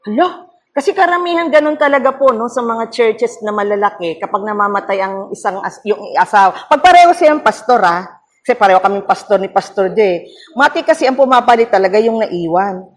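A woman's voice: mid-range voice, expressive, a little fast. A middle-aged woman pastor giving a devotional sermon, telling a personal story earnestly and checking in with her listeners as she goes. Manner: earnest storytelling, mixing English phrases, frequent "no?" tags. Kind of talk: devotional sermon at a prayer meeting.

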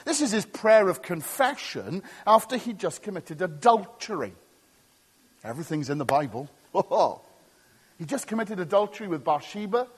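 Male pastor, husky and expressive, emphatic sermon style, long church reverb. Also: high voice, moderate pace. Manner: emphatic and repetitive, punchy short phrases; conversational asides to the congregation.

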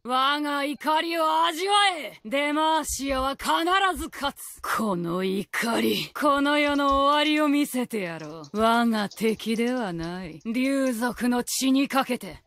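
A woman's voice: high voice, expressive, normal speed, few pauses, fairly bright tone, no room sound. An actress voicing a fierce, proud, wrathful half-dragon warrior woman for a video game, making defiant declarations. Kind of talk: Japanese video game voice acting.

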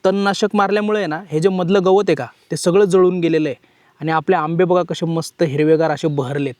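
A man's voice: a little high, fairly even intonation, fairly quick, darkish tone, dry recording. Cheerful man vlogging outdoors. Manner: cheerful, chatty, laughs often. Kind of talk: casual village vlog narration. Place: outdoors on farm fields.

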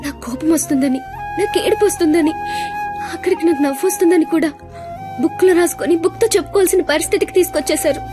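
A quiet, bookish young woman, high and gentle, film scene with score. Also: fast. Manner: soft, confiding, bursts into shouted insults. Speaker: shy studious college girl. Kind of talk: film dialogue. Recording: film audio with music behind.

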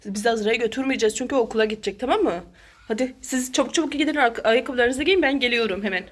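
Brisk bossy mother hurrying kids. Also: on the high side. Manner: bossy, hurrying children along, teasing. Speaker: mother and family channel host. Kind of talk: casual family vlog. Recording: street noise clearly behind.

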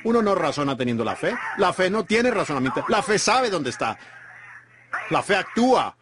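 A man's voice: high voice, sing-song, moderate pace, noisy background. A man reading a sermon as a dubbed voice-over, with an emphatic preaching cadence and frequent asides to the listeners. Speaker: Spanish voice-over reader of a sermon.

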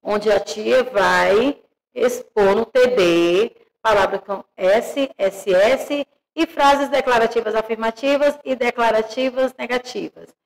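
A woman teacher giving an online grammar lesson to young children, speaking slowly and clearly and calling them affectionate names. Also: fairly high pitch, in a large hall, poor audio. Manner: slow and clearly articulated; warm, addresses children as "my loves". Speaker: primary school teacher.

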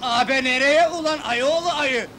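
Shrill frantic bear tamer, very high, sharp and jumpy, old film audio. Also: male voice, moderate pace, a little hiss or hum. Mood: bossy. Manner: shouting, frantic.

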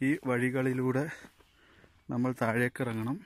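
A man's voice: medium pitch, level tone, unhurried. A man giving vlog commentary outdoors among rocky forest caves, guiding viewers and warning them to be careful. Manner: cautioning, guiding while walking. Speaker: travel vlogger.

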